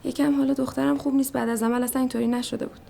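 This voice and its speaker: A woman's voice: high voice, flat delivery, creaky, mellow, a little hiss or hum. An actress playing an anxious wife and mother who presses people with urgent questions. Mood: weary. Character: anxious wife and mother, young adult woman. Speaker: worried wife of an injured man. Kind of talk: film acting.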